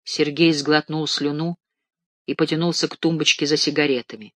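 A man reads a story aloud in a measured, steady way. His voice sits fairly high, and the recording is dry and close. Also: dry recording. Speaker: narrator. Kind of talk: audiobook reading.

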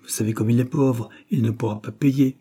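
A man reading aloud and voicing a patient governess who reproves the children calmly. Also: mid-range voice, moderate pace, natural voice. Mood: reproving. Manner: calm, reproving. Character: patient young female governess, gently moralizing.

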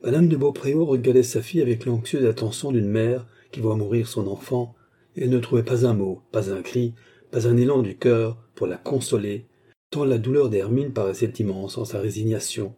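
Dark husky male audiobook reader. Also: medium pitch. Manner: measured, even reading of a classic novel. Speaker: audiobook narrator. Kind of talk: literary audiobook reading.

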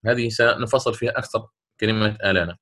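A middle-aged man teaching Quran recitation rules, explaining a poem step by step and slowing to chant the quoted verses. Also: on the low side, pushed and bright. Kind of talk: classroom lesson explaining a didactic poem.

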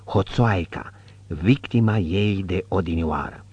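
A man narrating an audiobook in a measured, descriptive reading. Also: sits low, a little mellow, slightly rough, dry recording, dull audio. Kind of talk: scripted narration.

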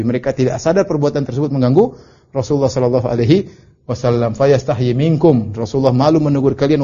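Man, middle-aged, preacher, lecture style, acts out stories, mellow tone, muffled lo-fi sound. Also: a little high. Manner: animated storytelling, acts out quoted lines in raised voice; recites Arabic then explains in Indonesian. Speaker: Islamic preacher teaching a book. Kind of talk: religious study lecture. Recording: dull lo-fi lecture recording.

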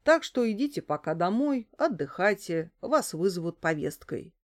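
A woman's voice: fairly low pitch, very animated, normal speed. A woman reading an audiobook voices a brusque male police investigator who sounds stern, mocking and officious.

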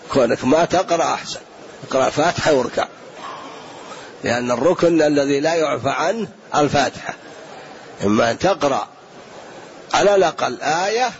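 Man answering questions in a lo-fi lecture recording. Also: mid-range voice. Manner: explanatory, measured, repeats points for emphasis. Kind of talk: religious lesson Q&A.

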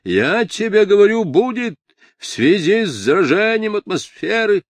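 A man's voice: sits high, sing-song, moderate pace, no room sound, pitched above the performer's own voice, exaggerated voice. A man reading an audiobook, voicing a stubborn, boastful deputy who keeps insisting on his point. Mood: stubborn, boasting.

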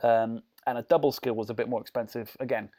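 This man hosts a podcast in rambling, jokey casual chat, with an English accent tinged by Bristol. He talks fast in a mid-range, mellow voice with a steady tone.

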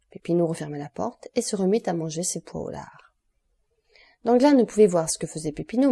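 A woman narrates a classic novel for an audiobook in a measured, even way. Her voice is mellow and dark, a little low in pitch. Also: slightly rough. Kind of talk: scripted literary narration.

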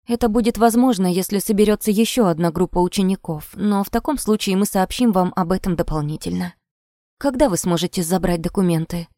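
A formal, polite school manager giving bad news, voiced by a woman narrator. The delivery is measured and courteous, recorded dry and close. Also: mid-range voice, warm tone, dry recording, natural voice. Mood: formal regretful.

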